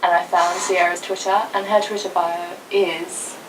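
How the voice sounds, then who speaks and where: A young woman co-hosting a casual video chat, telling a story with quick asides. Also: lowish voice, flat delivery. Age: young adult. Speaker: YouTube co-host. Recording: distant mic with faint noise.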